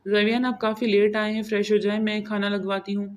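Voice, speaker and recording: A woman's voice: medium pitch, little pitch movement, lightly acted. A woman reading as a stern middle-aged matriarch.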